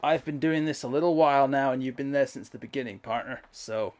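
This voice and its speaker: A man's voice: medium pitch, fairly quick, a little mellow. A man streaming a video game, chatting casually, swearing a lot and laughing often. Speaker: livestreamer. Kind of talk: casual gameplay commentary. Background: game audio.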